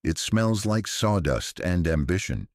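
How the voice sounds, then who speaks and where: A very deep, low male voice reads a calm, scripted sleep story, soft-spoken and unhurried with a gently wry touch. The recording is close and dry, with no room sound at all.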